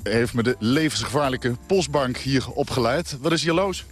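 A man's voice: medium pitch, animated, moderate pace, faint music behind. A man reporting on location outdoors, interviewing in a provocative, sceptical way. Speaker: radio field reporter. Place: outdoors on a snowy road.

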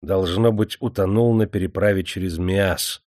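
Brief: man reading a harsh army major, loud and commanding, dry close sound. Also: sits low, fairly even intonation, moderate pace, no room sound, natural voice. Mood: stern. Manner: stern, shouting orders. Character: stern angry army major.

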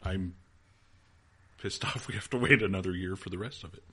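A man's voice: deep voice, brisk, sharp tone, breathy edge. A man co-hosting a podcast, chatting casually and teasing with dry jokes. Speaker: podcast co-host. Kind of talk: casual chat.

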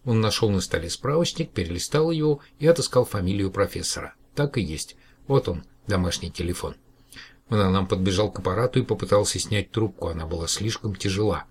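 A man narrating an audiobook in a calm, even storytelling manner, with a husky voice. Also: low-pitched, a little fast, a little hiss or hum.

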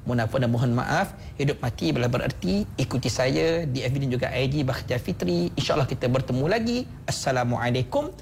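A man's voice: mid-range voice, lively intonation, brisk, gravelly, hardly any pauses, a little mellow, slight background noise. A man with a Malaysian Malay accent giving a persuasive motivational talk on the radio, speaking straight to the listener with repeated questions. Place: radio studio.

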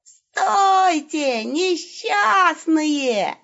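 A scheming male wolf from a storybook hisses and gloats in a high, hammy voice, as a woman reads him. The recording sounds a little dull and muffled. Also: lively intonation, extremely slow, creaky, a bit bright, exaggerated voice. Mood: fake robber screech.

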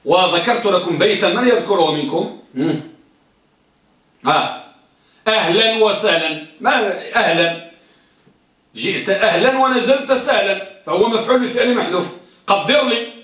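A high-voiced man teaches a grammar class, quizzing his students and repeating examples slowly. His voice is bright and forceful. He is heard from far off in a very echoey classroom. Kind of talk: Arabic grammar lesson.

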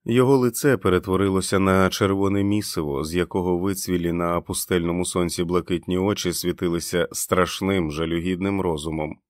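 Man, audiobook narrator, very low voice, dry close sound, measured dramatic reading. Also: fairly even intonation, dry recording.

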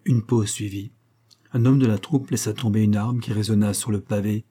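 A man reading a novel aloud as audiobook narrator, in a measured, steady manner. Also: fairly low pitch, breathy edge. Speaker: audiobook reader. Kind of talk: scripted narration.

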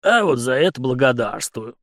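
A man's voice: medium pitch, very animated, normal speed, no echo, clean studio sound. A man voicing a modest, folksy old sergeant in a storybook reading, plain-spoken and homely.

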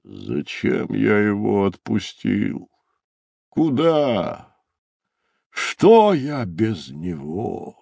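A man's voice: lowish voice, huge pitch swings, gravelly, a little mellow, no room sound, studio quality, heavily acted. A man voicing a timid, fretful rhinoceros who sighs and mumbles anxiously in an audio drama. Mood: lamenting. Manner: slow, sighing, anxious mumbling.

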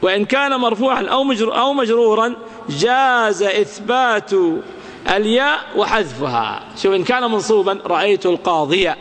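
A male grammar teacher giving a classroom lecture. He chants lines of verse slowly, then explains them with worked examples and quick questions to his students. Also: high-pitched, animated, a bit bright. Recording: long hall reverb.

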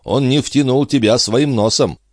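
A man's voice: mid-range voice, normal speed, no echo, clean studio sound, pitched above the performer's own voice, natural voice. A man voicing a joking young soldier making fun of someone in a theater. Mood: teasing. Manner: teasing.

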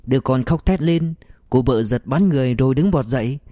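Mellow male audiobook narrator. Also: medium pitch, dry recording, clean studio sound. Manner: measured, expressive storytelling.

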